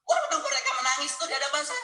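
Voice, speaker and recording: A man's voice: very high-pitched, big pitch swings, quick pace, pushed and bright, faint music behind. Earnest male preacher in an echoey mosque. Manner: emotional, earnest storytelling, addresses listeners directly. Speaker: Islamic preacher. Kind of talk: storytelling sermon. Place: mosque hall.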